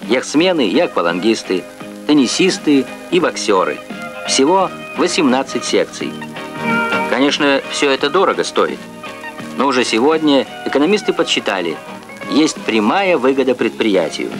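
A man's voice: mid-range voice, sing-song. Man narrating an old Soviet newsreel over music. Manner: formal, measured delivery. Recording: archive 1980s newsreel soundtrack with music.

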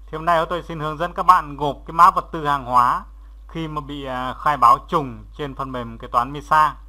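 Speaking a little high, this male instructor walks viewers through a software tutorial one step at a time. His delivery is halting and instructional, and he repeats steps along the way.

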